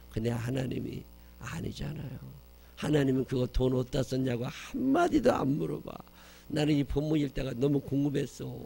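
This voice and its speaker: A man preaching a sermon as pastor, telling stories with loud emphasis and dropping soft for tender quotes. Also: medium pitch, gravelly, husky.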